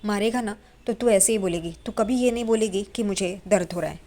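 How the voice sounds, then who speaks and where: A woman's voice: medium pitch, a little fast, dark tone, close to an everyday voice. Woman voicing a cheeky nosy young man. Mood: teasing. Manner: teasing, joking.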